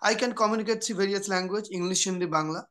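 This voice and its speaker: A woman's voice: medium pitch, a bit bright. A woman giving a formal self-introduction in English. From West Bengal, India. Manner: formal, slightly halting. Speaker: trainee.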